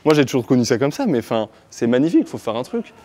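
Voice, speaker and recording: A young man from Avignon, a streamer, gives a casual walking tour, joking and slangy in a lively way. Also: medium pitch, quick pace. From Avignon, France. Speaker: streamer giving a city tour. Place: city streets outdoors. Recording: outdoor street with faint noise.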